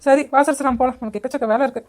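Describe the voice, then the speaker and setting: A woman voicing a lively young village woman in a family cartoon, chatty and teasing. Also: high-pitched, very fast, loud music behind the voice, lightly acted. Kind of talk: animated cartoon dialogue.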